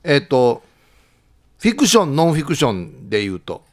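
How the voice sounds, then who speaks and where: A man's voice: medium pitch, wildly swooping pitch. A man, playfully firing guesses in a casual radio riddle chat. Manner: quick, playful, teasing.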